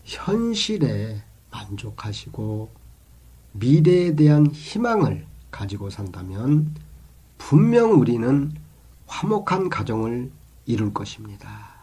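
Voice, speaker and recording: A man's voice: mid-range voice, big pitch swings, slow pace, mellow, slightly rough. A middle-aged man giving life advice in an earnest, lecturing monologue, his phrases often trailing off into a near whisper.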